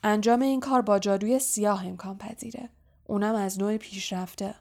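Woman voicing a calm, gentle old headmaster. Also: medium pitch, natural voice. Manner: soft-spoken and measured.

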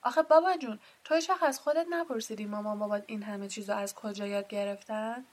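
A woman reading as Hagrid, gruff giant. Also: mid-range voice, close to an everyday voice. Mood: indignant. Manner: loud, blunt, indignant. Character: huge gruff male gamekeeper, quick-tempered.

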